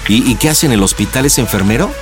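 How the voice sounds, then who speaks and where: A man's voice: medium pitch, animated, fast talker, music in the background. Teasing male radio host, swooping delivery. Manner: teasing, playful, slangy. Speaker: radio prank show host. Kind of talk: casual joking phone chat with caller.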